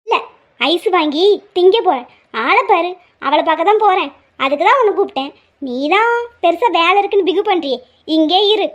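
A woman's voice: very high-pitched, lively intonation, brisk, muffled recording. A woman voicing cartoon characters in a bossy, scolding way. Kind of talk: cartoon story voice acting.

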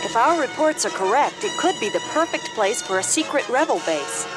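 A young rebel princess in a storybook adventure. She is confident, informal and teasing, with a high, animated voice over loud music. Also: poor audio. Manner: brisk, informal.

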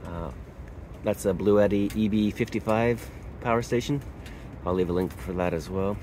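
A man from Canada giving a casual tour of his camping setup inside a hot tent, pausing often with uh and restarting sentences. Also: fairly low pitch, darkish tone, slight background noise. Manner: halting, lots of uh and restarts. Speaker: camping vlogger.

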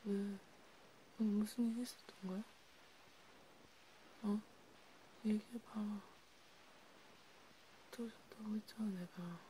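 A woman in a whispered role-play, comforting a friend softly and soothingly, slipping between a quiet voice and a whisper. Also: mid-range voice, steady tone, takes it slowly, long pauses, a little hiss or hum, rough recording. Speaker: ASMR creator.

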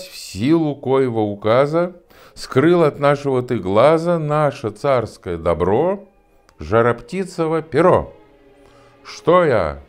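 A man in his sixties voicing an angry old tsar who shouts, bullies and threatens. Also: medium pitch. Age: 60s. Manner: shouting, bullying.

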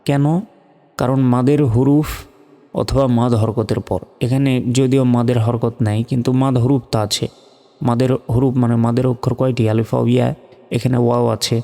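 A man teaching Quran recitation step by step, spelling out letters and vowel marks, then chanting the words slowly and drawn out. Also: mid-range voice, flat delivery, mellow, in a large hall.

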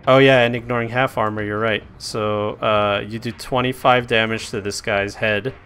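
A man running a tabletop game as game master, narrating the action and calling for rolls in a casual, animated way. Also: fairly low pitch, a little hiss or hum. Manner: casual, animated narration with quick rules calls.

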